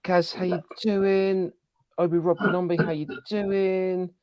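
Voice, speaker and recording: A man with a fairly high voice hosts a casual live stream, upbeat and chatty as he greets viewers by name. His voice sounds dry and close, with dull, lo-fi stream audio. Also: little pitch movement, measured pace, clean tone, no room sound. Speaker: podcast host.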